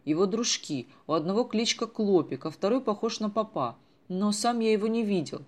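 A man voicing a timid teenage boy on holiday, talking quickly and nervously. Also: high-pitched, animated, voice pushed up.

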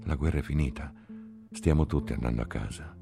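A man doing a shouting jubilant soldier. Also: rumbling low, fairly quick, gravelly, music in the background. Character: excited male soldier in a crowd.

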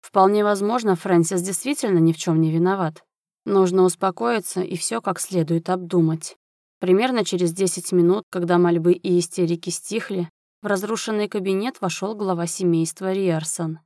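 A woman narrating a fantasy novel aloud in an even, expressive reading. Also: on the low side, moderate pace, no room sound, studio quality. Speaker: audiobook narrator. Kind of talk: dramatic fiction reading.

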